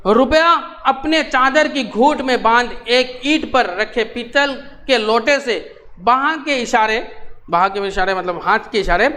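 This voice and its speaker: A man's voice: very high-pitched, measured pace, pushed and bright. A male teacher reading a textbook story and stopping to gloss each phrase, with frequent light laughs. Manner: repeats lines and glosses words, laughs often.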